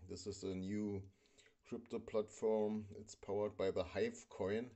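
A man hosting a casual product demo at home, talking with many pauses and fillers. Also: lowish voice, flat delivery, warm tone. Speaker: video host. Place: indoors at a home stove.

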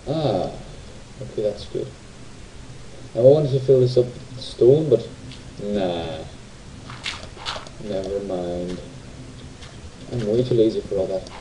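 Rambling low-voiced man playing a game. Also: mellow, a little hiss or hum, poor audio. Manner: rambling, self-talking, asks viewers tag questions. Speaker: gamer. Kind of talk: casual let's play commentary. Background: faint game music.

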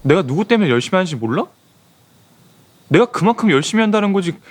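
A man's voice: high voice, sing-song, fast. An actor playing a young athlete defending himself to his girlfriend in a web drama; he sounds defensive and exasperated. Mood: defensive, pleading. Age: young adult.

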